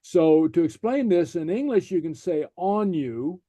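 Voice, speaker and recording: Brief: male teacher, slightly high voice, mellow tone, slow patient delivery, dry close sound. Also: expressive, no echo. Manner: patient, repeats "okay?" after each point, many fillers. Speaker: language teacher. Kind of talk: slow explanatory class lecture.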